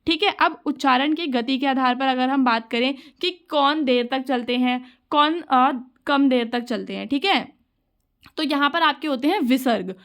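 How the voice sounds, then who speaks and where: A woman's voice: high-pitched, a little slow, fairly bright tone. A woman teacher explaining exam material patiently to her students, calling them children as she goes. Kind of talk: exam-prep lesson.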